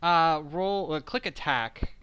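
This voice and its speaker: A man running an online tabletop game as game master, relaxed and chuckling, with hesitant fillers. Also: a little high, slow, dull audio, slight background noise.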